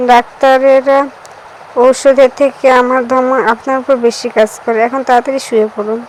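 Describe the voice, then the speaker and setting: A stern, possessive young husband barks short orders and scolds his wife, gruff and bossy, as a woman narrator reads his lines. The voice stays high and fairly flat, the way a storybook character voice is read aloud. A faint hiss sits behind it. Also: normal speed, lightly acted, rough recording. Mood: teasing firm. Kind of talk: audiobook character voice.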